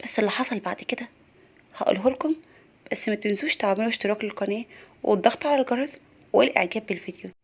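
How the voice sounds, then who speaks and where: A woman's voice: medium pitch, very fast, slightly rough. Woman narrating as an earnest young Egyptian husband. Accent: Egyptian Arabic. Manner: earnest, plain storytelling. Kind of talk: storytelling narration.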